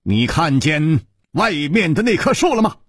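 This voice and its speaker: A man voicing a calm, thoughtful hero. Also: fairly high pitch, husky, no room sound, studio quality, voice pushed up, full character voice. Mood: calm, reflective. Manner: measured and reflective. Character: calm, wise male hero, a thoughtful swordsman.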